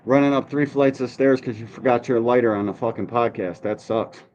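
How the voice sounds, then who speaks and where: A man hosts a podcast livestream, ranting bluntly and casually with lots of swearing and complaining. His medium-pitched voice is steady and darkish, moving fairly quickly. The stream audio is dull, muffled, and lo-fi.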